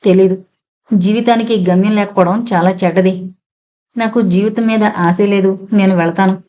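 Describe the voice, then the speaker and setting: A woman voicing an ashamed, tearful young woman who speaks haltingly in an audiobook novel. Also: medium pitch, fairly even intonation, dark tone, lightly acted. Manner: halting, subdued.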